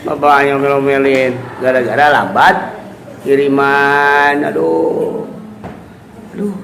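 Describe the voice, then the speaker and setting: Slow, echoey Indonesian religious teacher. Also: male voice, on the high side. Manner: chatty, asks "ya kan?" often, acts out quoted voices with laughs. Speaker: Islamic teacher giving a kitab study. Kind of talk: casual religious lesson to students. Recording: echoey room with faint ambient noise.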